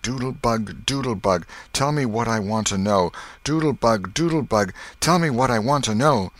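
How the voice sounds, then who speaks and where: A man reading aloud and voicing a bossy, excitable boy who plays at being an outlaw, with loud boyish calls. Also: on the low side, unhurried, no room sound, voice pushed up. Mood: chanting.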